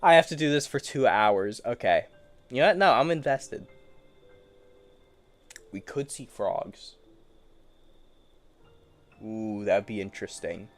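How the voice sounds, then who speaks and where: With faint music in the background, a man speaks slowly in a fairly low voice with lively intonation, pausing often. He's a gaming streamer offering casual solo commentary as he plays, rambling to himself in a playful, easily amused manner.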